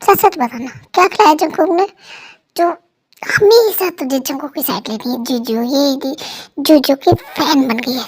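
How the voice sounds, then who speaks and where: Woman voicing a jealous young wife, high voice, scolding, exasperated, fan story role-play. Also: unhurried.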